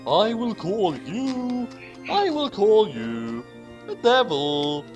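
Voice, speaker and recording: This is a very animated, slow-paced reading in a mid-range voice. Acting as host, the speaker performs a garbled fan story for laughs, theatrically and with mock outrage, over background music.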